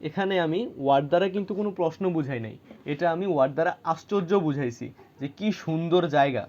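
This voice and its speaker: A man's voice: fairly high pitch, fast talker, darkish tone, muffled recording. A man teaching English grammar, explaining patiently and checking in with rhetorical questions. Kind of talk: explaining grammar lesson to students.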